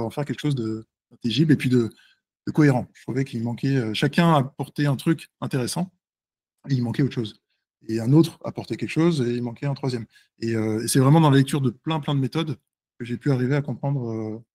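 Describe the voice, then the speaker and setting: A husky, slightly breathy man in his forties leads a seminar in front of an audience. He speaks fast but hesitates often, filling gaps and restarting his phrases, and often stops to check that everyone is following. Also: mid-range voice, a little mellow. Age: 40s. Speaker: seminar presenter and author. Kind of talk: live seminar talk to an audience.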